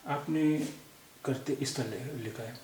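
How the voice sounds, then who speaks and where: A man from India teaching a language lesson, patiently going over spelling corrections and repeating each word with many pauses. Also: mid-range voice, darkish tone, reverberant, slight background noise.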